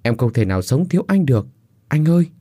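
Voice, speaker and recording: A man's voice: medium pitch, sing-song, fast talker, dark tone, husky, no room sound, studio quality, voice pushed up. A man voicing a desperate, heartbroken young wife who pleads through tears. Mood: pleading, tearful. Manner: tearful pleading, raised voice.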